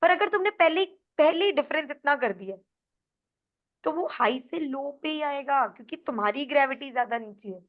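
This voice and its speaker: A woman's voice: high voice, normal speed. A woman life coach with an Indian accent, giving a motivational talk and mixing in English, acting out her clients' words. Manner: animated, acts out quoted voices of clients. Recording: tinny phone-like sound.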